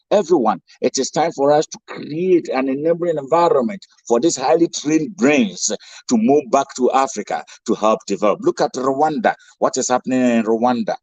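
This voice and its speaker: A Ghanaian man with a Ghanaian accent gives a rousing, impassioned speech as a guest speaker, full of rhetorical questions and repetition. His voice is medium-pitched with a darkish tone, with no room sound.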